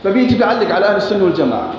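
A man with a Levantine Arabic accent preaches in a high, fast, impassioned voice. He drives his points home with repeated phrases and sworn oaths. His voice booms through a big echoing hall with a long reverb tail, with faint noise underneath. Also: lively intonation. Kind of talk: sermon. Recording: echoey hall, dull lo-fi recording.

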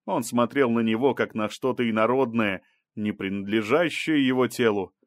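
A man's voice: medium pitch, moderate pace, no echo, studio quality. Man narrating an audiobook. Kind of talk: scripted narration.

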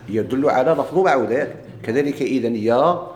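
Male grammar teacher, Moroccan accent, rapid lecture, quizzes and answers himself, echoey room. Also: medium pitch, lively intonation, a little mellow. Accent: Moroccan Arabic. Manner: asks questions and answers them himself. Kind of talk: classroom lecture.

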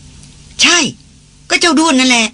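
A woman's voice: high-pitched, pushed and bright, voice pushed up. A reader voicing an earnest titled lady. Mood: anxious. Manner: earnest, quickens when anxious. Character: noble Thai lady on a jungle trek, earnest.

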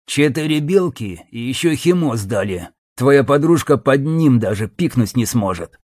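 A man's voice: mid-range voice, expressive, measured pace, darkish tone, no room sound, studio quality. A man reading an audiobook, voicing a coarse, jeering male gang boss. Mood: crude. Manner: crude, jeering.

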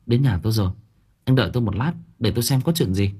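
A man voicing an eager, anxious young woman who talks in quick, flustered bursts. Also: mid-range voice, animated, dark tone, slightly rough.

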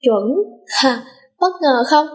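A woman's voice: high voice, lively intonation, slow, voice pushed up. A woman voicing a cheerful, spoiled young rich girl in an audiobook, bubbly and cutesy. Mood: teasing. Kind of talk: audiobook character voice.

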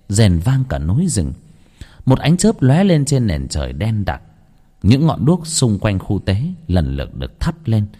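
A man narrating a scripted ghost story with dramatic, expressive storytelling. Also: on the low side, husky.

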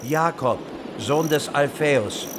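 An actor playing Jesus as a solemn, commanding preacher in a German radio drama, speaking in a measured, declamatory way. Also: male voice, fairly high pitch, background noise. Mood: solemn roll-call.

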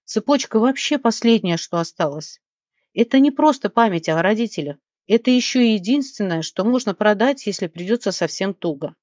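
A woman reading an audiobook and voicing a kind, quick-tempered young heroine who speaks earnestly and consolingly. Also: mid-range voice, expressive, darkish tone, no room sound, voice pushed up, close to an everyday voice. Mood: indignant. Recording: dull, dry lo-fi recording.

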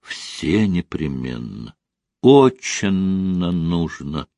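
Casting: a man playing a flustered young father begging to be let in, audiobook, low voice. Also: sing-song, normal speed, a bit bright, no room sound, clean studio sound, full character voice. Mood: pleading. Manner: pleading, flustered.

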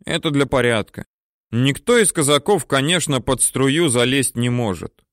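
A man's voice: medium pitch, dry recording, studio quality. Man narrating a war story, terse. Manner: steady, measured and terse.

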